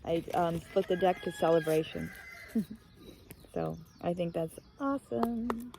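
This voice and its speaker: A woman's voice: fairly low pitch, measured pace, creaky, warm tone, a little hiss or hum, poor audio. A woman giving a casual, heartfelt tarot card reading, rambling and emotional as she talks to viewers. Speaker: tarot reader.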